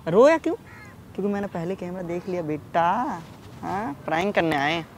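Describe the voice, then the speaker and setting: A man's voice: high-pitched, moderate pace, noisy background. A man hosting a prank video, bantering teasingly in casual talk and repeating himself, recorded outdoors in a public place.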